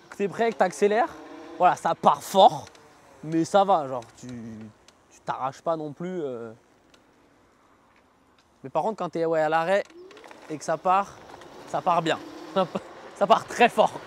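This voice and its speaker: Male ride-along vlogger, high voice, slangy and unscripted, thinking aloud outdoors over light road noise. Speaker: vlogger reviewing an electric scooter. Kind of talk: casual spoken vlog commentary while riding. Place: outdoors, riding on city roads.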